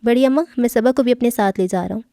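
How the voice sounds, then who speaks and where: A woman reading the lines of a lively, loud, chatty young man in an audiobook, keeping near her own voice. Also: on the high side, no room sound, clean studio sound, natural voice. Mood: playful. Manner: playful, chatty.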